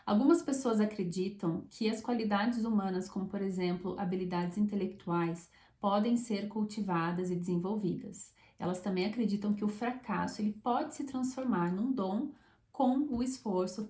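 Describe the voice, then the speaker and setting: A woman's voice: medium pitch, warm tone. Woman psychologist explaining, echoey room. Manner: conversational, tag questions, measured pauses. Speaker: psychologist explaining a concept on her channel. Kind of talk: explanatory talk to camera.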